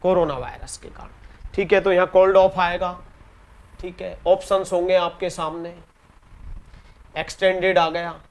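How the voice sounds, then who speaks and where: A man with an Indian English accent teaching an exam-prep grammar lesson in Hindi. He reads the English example sentences slowly and deliberately and often repeats key words. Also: high voice, steady tone. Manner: repeats key words and ends points with "theek hai".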